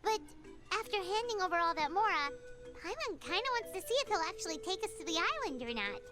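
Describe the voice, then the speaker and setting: A woman's voice: extremely high pitch, expressive, quick pace. A woman voicing a tiny, chirpy, nosy companion in a game who talks about herself in the third person. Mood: chatty. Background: game music.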